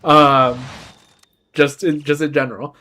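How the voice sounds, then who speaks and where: This young man from Beijing, China, a native Chinese speaker, chats casually as a game streamer in a rambling, self-correcting way. His voice sits on the high side, with a level, sharp tone and an unhurried delivery.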